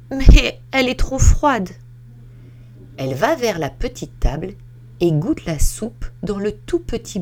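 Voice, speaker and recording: Slow, sing-song woman reading a children's tale. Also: lowish voice, a little mellow, slight background noise. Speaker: storyteller. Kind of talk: children's story read aloud.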